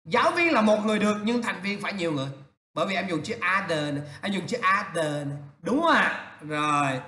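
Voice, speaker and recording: A male English teacher correcting students' writing aloud, animated and teasing as he points out errors. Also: high voice, brisk, echoey room.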